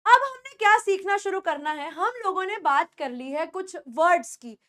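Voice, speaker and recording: A woman with an Indian accent teaching spoken English pronunciation, repeating words slowly and quizzing her students. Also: extremely high pitch, expressive, fairly bright tone. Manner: drills words by repeating them slowly, asks the class questions.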